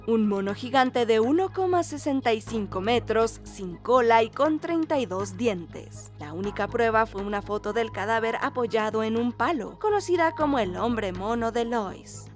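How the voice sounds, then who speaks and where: A woman narrates a countdown in nature documentary style from a script. Her voice sits fairly high. Music plays softly underneath her.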